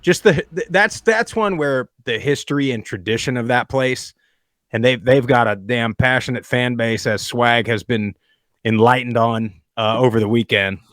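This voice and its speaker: A man's voice: mid-range voice, moderate pace, fairly bright tone, no echo, clean studio sound. A man co-hosting a casual sports podcast who jokes and teases the other hosts. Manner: joking, teasing. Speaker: podcast co-host.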